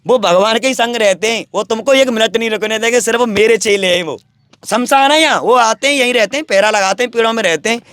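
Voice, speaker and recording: A man's voice: high voice, fast talker, fairly bright tone, smooth, dry recording. A man, a wandering holy man, talking at length about spirits and devotion in a boastful, preachy way. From Braj region, India. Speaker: wandering sadhu interviewed. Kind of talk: rambling spiritual talk.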